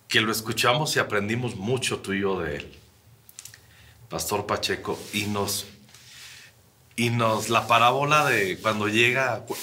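A man's voice: on the low side, sharp tone, slight background noise. A male co-host chatting casually, often stumbling and restarting his sentences. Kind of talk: casual chat.

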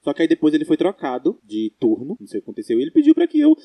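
Laughing and animated, a young podcast co-host with a Brazilian Portuguese accent spins stories in a casual conversation. His voice is husky and fairly high, and he speaks rapid-fire.

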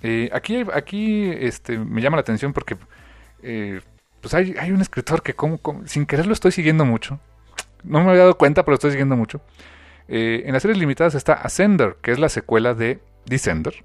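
A man hosting a comics podcast, chatting casually and rambling through filler pauses. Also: mid-range voice, lively intonation, no echo, faint music behind. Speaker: podcast host. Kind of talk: casual chat.

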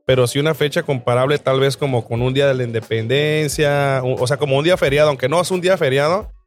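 A man's voice: mid-range voice, steady tone, fast. A man with a northern Mexican accent co-hosting in casual, slangy chat. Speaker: podcast co-host. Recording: music playing behind.

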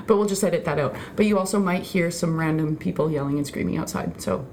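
A woman's voice: lowish voice, fast talker, darkish tone, slight background noise. A woman from Canada hosting a podcast in casual, slangy, enthusiastic chat. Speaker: podcast host.

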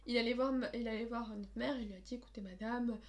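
A young woman co-hosts a podcast, recounting events in an animated, slangy manner. Her voice sits a little high and her words tumble out fast. It is relaxed, casual chat storytelling. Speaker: podcast co-host.

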